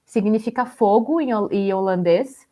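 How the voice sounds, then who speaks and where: At a normal speed and with a warm, medium-pitched voice, a young woman walks through photos on a live stream she co-hosts. She chats casually, fills in pauses with fillers, and laughs lightly here and there.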